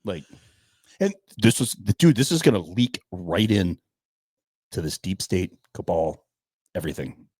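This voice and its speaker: Husky animated man in casual chat. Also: sits low, a little slow, long pauses. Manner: animated, conspiratorial, laughs a lot. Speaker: podcast co-host.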